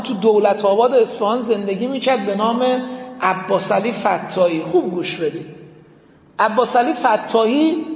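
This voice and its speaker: A man preaching a storytelling sermon with a high-pitched voice, rising and falling with dramatic passion. The sound is dull and lo-fi, carried by the long reverb of a large hall. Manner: dramatic, impassioned storytelling with sudden rises in pitch and volume. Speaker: religious speaker.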